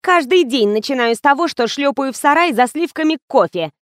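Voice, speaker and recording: A whiny, squeamish young actress with a raised, squealing voice, as the woman narrating puts her on. Now and then she turns flat and deadpan. The recording is dry and close. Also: sits high, brisk, no room sound, voice pushed up.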